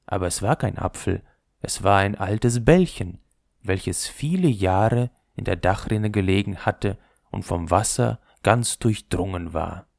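A man narrating a fairy tale, reading in an expressive storytelling manner. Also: measured pace, vocal fry, dry recording. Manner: expressive storytelling with lively pitch.

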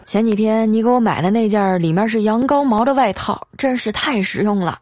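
A woman doing a calm, coaxing old husband. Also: mid-range voice, brisk, no room sound, studio quality, natural voice. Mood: smug.

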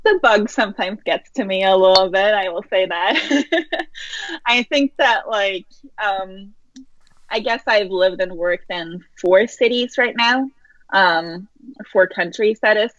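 A woman's voice: medium pitch, slow, no room sound. A woman in her thirties from Norway, talking casually and laughing often as an interview guest over a video call. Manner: relaxed, chatty, laughs often. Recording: dry, dull lo-fi call audio.

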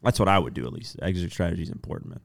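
A man's voice: deep voice, animated, rapid-fire, vocal fry. A man co-hosting a casual chat, talking in slangy, profanity-laced language and repeating his points for emphasis. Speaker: podcast co-host. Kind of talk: casual chat about news and business.

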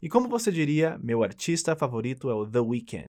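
A man's voice: mid-range voice, sing-song, fairly quick, a little mellow. Upbeat Brazilian man teaching English. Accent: Brazilian Portuguese. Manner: upbeat, coaching, repeats phrases for the learner. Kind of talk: friendly language lesson.

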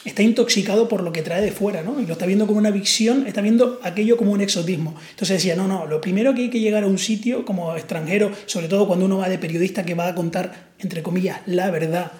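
Quick and with few pauses, a Canary Islands man with a high, darkish voice and Canarian Spanish accent co-hosts a casual podcast. He tells reflective stories, hesitating with fillers, in a recording with a roomy echo.

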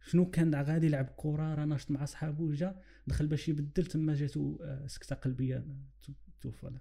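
A man's voice: fairly high pitch, little pitch movement, quick pace, gravelly, dark tone. A man with a Moroccan Arabic accent reflecting on religion in conversation, illustrating with examples and mixing in English phrases. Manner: mixes English phrases into his speech.

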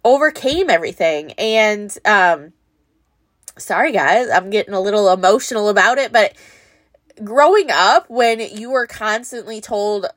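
A woman's voice: mid-range voice, unhurried, fairly bright tone, dry recording. A woman talking to her followers in a candid, self-reflective monologue, rambling at times with fillers. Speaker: motivational vlogger. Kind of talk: casual heartfelt monologue.

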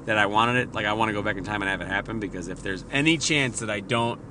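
A married adult father runs a solo podcast, speaking fast in a lowish voice over a noisy background. He rambles casually, curses, and makes fun of himself.

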